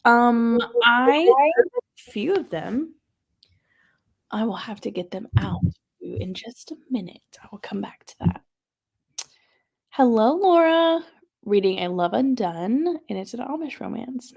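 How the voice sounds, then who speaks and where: Chatty woman host with a gravelly voice. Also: on the high side, darkish tone. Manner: chatty, reads viewer comments aloud. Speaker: livestream host. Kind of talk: casual chat.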